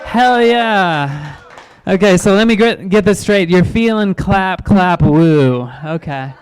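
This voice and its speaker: A man from Illinois doing stand-up comedy on a club stage, telling self-deprecating jokes in a deadpan way. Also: sits high, takes it slowly, a little hiss or hum. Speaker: guest comedian.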